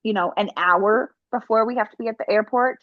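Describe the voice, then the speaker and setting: A woman's voice: a little high, brisk, dry recording, dull audio. A young woman co-hosting a podcast, chatting casually and rambling, tripping over words now and then. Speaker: podcast co-host. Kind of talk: casual chat.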